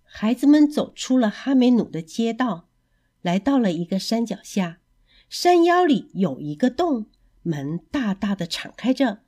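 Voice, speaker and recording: A woman tells a children's story with lots of expression. Her fairly high voice rises and falls in a lively, animated way. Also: a little slow.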